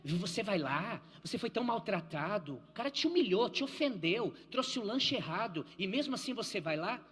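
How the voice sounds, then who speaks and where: A man's voice: high voice, animated, normal speed, fairly bright tone, slightly rough, heavily acted. A pastor voicing a small male devil who taunts and needles, heard with long hall reverb. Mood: taunting.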